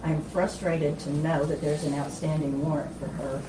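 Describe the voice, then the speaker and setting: Stern low-voiced woman judge. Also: level tone, moderate pace, noisy background. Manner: stern, firm, reprimanding. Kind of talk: courtroom ruling. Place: courtroom. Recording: echoey distant courtroom audio.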